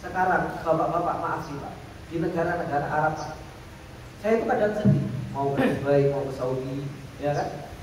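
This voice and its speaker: Man, religious lecture, higher-pitched voice, very echoey hall, distant mic. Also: normal speed. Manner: animated, asks rhetorical questions and answers them. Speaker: Islamic teacher. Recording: echoey room, distant mic, faint noise.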